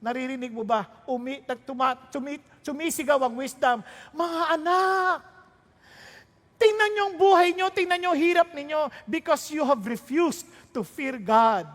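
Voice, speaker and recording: A very high-pitched male preacher with a Filipino accent delivers an animated, joking sermon that mixes Tagalog with English. His voice rings through a church hall with a long, echoing reverb.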